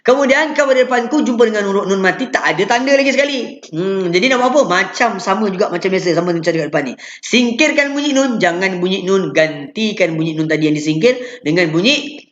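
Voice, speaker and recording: Malaysian man teaching recitation, high voice. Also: lively intonation, quick pace, a bit bright, reverberant, muffled recording. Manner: explains patiently, models sounds by chanting them. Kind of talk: live recitation lesson.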